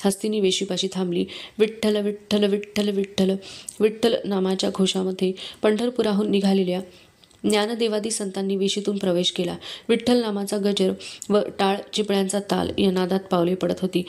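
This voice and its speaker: A woman reading a devotional book aloud in steady, measured storytelling. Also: medium pitch. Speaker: book reader.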